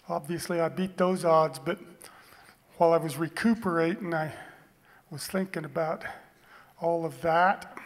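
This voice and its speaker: A middle-aged man from Eastern Oregon, telling folksy, halting, plainspoken anecdotes on stage at a cowboy poetry gathering. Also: on the high side. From Eastern Oregon, United States. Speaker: cowboy poet introducing his poem. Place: stage in a hall. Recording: reverberant hall sound.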